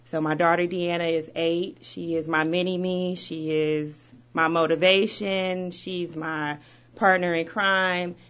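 A woman's voice: on the low side, little pitch movement, fairly bright tone, smooth. Chatty, upbeat woman radio guest. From United States. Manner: upbeat, chatty, quick bursts. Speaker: guest, community ministry founder. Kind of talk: radio interview. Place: radio studio.

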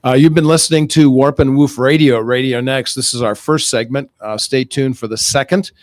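A middle-aged or older man with a gravelly voice, hoarse from a cold, hosting conversational talk radio in a measured, explanatory way. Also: medium pitch, steady tone, no room sound, studio quality. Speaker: radio show host and educator. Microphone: close studio microphone.

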